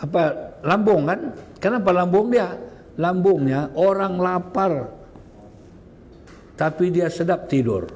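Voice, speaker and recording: A man's voice: high voice, expressive, slow, pauses often, darkish tone, in a large hall. A man teaching a religious lesson, reciting Arabic verses and explaining them in a Sabah Malay accent with rhetorical questions. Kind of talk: Islamic lecture explaining Quranic verses.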